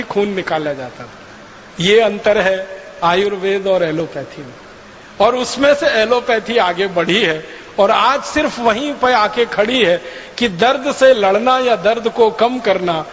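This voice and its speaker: A man's voice: extremely high pitch, a bit bright. A man giving a public lecture, telling a story emphatically and repeating phrases for effect. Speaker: speaker lecturing an audience. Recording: dull, lo-fi hall recording with faint noise.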